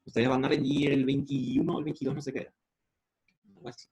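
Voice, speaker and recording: In dull audio, a male math teacher with a Paraguayan Spanish accent speaks at medium pitch with a flat, slightly mellow delivery and vocal fry. He works through integrals step by step, asks the class questions he answers himself, and slows over formulas.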